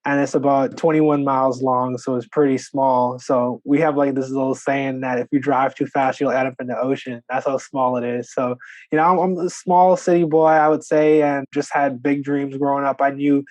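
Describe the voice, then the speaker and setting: A man's voice: medium pitch, normal speed, no echo. Man, 20s, from the Bahamas, podcast guest, casual storyteller, dry recording. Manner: relaxed storyteller, frequent "you know" and "like". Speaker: podcast guest, real estate investor. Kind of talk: conversational interview.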